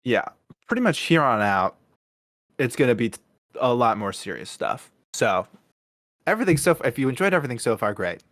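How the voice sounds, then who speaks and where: A man's voice: medium pitch, sing-song, fairly quick, pauses often, fairly bright tone, dry recording. A man co-hosting a podcast in casual chat, rambling with many restarts and fillers. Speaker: podcast co-host.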